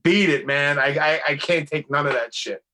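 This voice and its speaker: A man's voice: fairly high pitch, normal speed. A man with a Brooklyn accent hosting a podcast, chatting casually and bluntly with plenty of slang and swearing. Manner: blunt, swearing, animated storytelling full of slang. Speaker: podcast host. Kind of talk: casual conversational chat.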